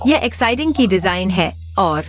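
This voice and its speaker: A woman's voice: medium pitch, big pitch swings, normal speed, natural voice. A woman dubbing a polite, restrained young mother who is new at an office. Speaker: dub actor. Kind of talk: dubbed drama. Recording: music behind.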